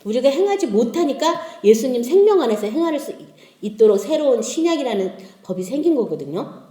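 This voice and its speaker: A middle-aged woman shares her testimony in an echoey church hall. Her higher voice is warm and mellow and swings widely in pitch as she tells family stories with laughter. She acts out the conversations as she goes. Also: a little fast. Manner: lively storytelling, acting out family dialogues with laughter. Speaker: lay speaker giving a testimony.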